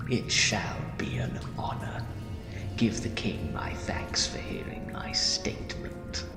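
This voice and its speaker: A man's voice: fairly low pitch, slow pace. A man playing a bitter, decayed villainous mastermind in a fan audio drama, grandiose, persuasive and menacing. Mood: courteous. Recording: echoey hall, clear music behind.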